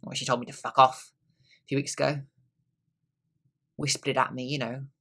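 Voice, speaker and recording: A young student actor playing a weary, brooding middle-aged husband in a stage monologue, wry and rueful, trailing into quiet asides. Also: male voice, medium pitch, little pitch movement, moderate pace. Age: young adult.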